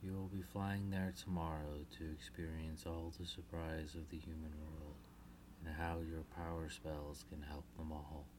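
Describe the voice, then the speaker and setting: A woman doing Selena, soft-spoken fairy queen. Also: rumbling low, measured pace, noisy background, pitched below the performer's own voice. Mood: tender. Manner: soft, comforting, near-whispered. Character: gentle fairy queen and mother, regal.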